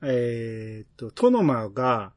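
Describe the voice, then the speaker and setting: A man with a Kansai Japanese accent hosts a casual podcast, musing in a relaxed way and reading listener mail aloud. His voice is medium-pitched and slow. The sound is clean studio quality with no room sound.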